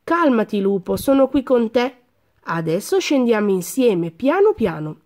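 A woman voicing an energetic sporty male animal friend in a storybook, brisk and encouraging. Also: on the high side. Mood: reassuring.

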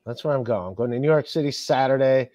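A man's voice: medium pitch, darkish tone, no echo, studio quality. A man hosting a casual podcast chat, swearing a lot and ranting when annoyed. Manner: profane, ranting, quick to anger. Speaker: comedian podcast host.

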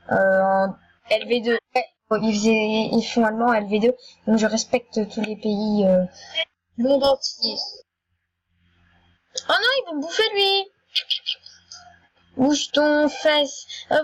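A woman with a high voice chats her way through an online game, excitable and quick to repeat herself. Her casual commentary tumbles out with stammers and restarts. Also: poor audio. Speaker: gaming YouTuber.

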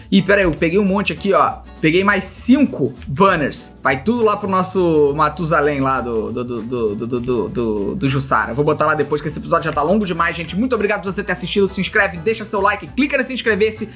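Frantic high-pitched gaming commentator man. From Brazil. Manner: frantic shouting, self-scolding, comic outrage. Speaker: gaming YouTuber. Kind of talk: excited Minecraft let's play commentary.

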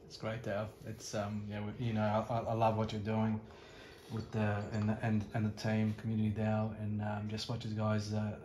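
A lowish, flat-voiced man hosts an online community call, stumbling and repeating himself. He sounds echoey, with faint noise behind him. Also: normal speed. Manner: rambling, stumbling praise with repeated words.

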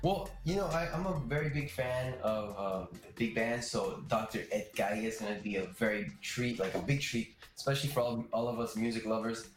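A man's voice: medium pitch, normal speed, hardly any pauses, faint music behind. A young man from Miami, a percussionist guest, talking casually over a video call from home with many fillers. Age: young adult. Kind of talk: casual interview. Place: room at home. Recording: roomy video-call audio.

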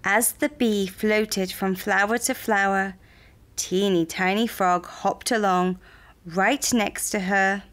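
Woman storyteller for toddlers, unhurried and soft, mid-pitched warm read. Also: fairly even intonation. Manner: soft, gentle, deliberate. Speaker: storyteller and puppeteer. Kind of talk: slow children's story narration.

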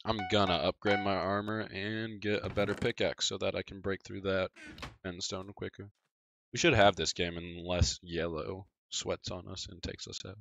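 Deep-voiced excitable gaming streamer man. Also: moderate pace, vocal fry, no echo. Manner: excitable, chatty, talking to chat while playing. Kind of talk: casual live-stream gaming commentary.

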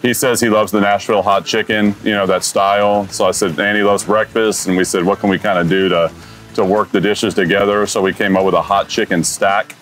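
Music plays under this lapel-mic recording of a restaurant owner in his dining room, chatting casually about his dishes. He's enthusiastic and easygoing, says "you know" often, and talks a little fast in a fairly low, fairly even, slightly bright voice.

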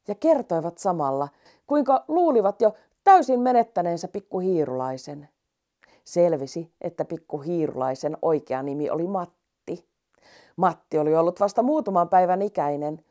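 A woman reading a children's story aloud in a gentle, expressive storytelling manner. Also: fairly low pitch.

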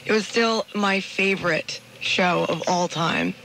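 A woman hosting a radio talk show, gushing and excitable, stumbling into restarts. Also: fairly low pitch, a little slow, slight background noise, low-quality recording. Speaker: radio host. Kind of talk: casual radio chat. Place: radio studio.

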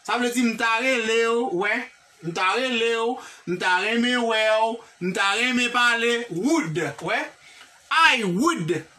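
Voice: mid-range voice, slow, bright, forceful tone, far from the mic. A teacher with a Haitian accent giving a classroom grammar lesson, drilling example sentences one by one and checking in with the class. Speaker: English teacher.

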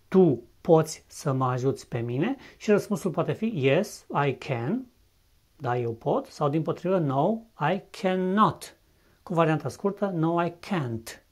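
A man teaching a recorded English lesson, who explains patiently and says each English example slowly and clearly before translating it. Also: a little high, darkish tone. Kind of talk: recorded video lesson narration.

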